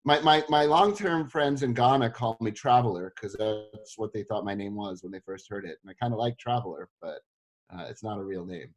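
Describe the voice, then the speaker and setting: A middle-aged man from South Africa, talking casually in an interview, relaxed and self-deprecating with many fillers. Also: lowish voice, a little fast. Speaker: history professor interviewed.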